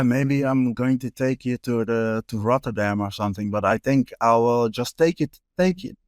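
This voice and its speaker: Here a young Netherlands-born street photographer is the guest in an easygoing interview, speaking in a mid-range voice peppered with fillers and restarts. The recording is dry and clean, studio quality.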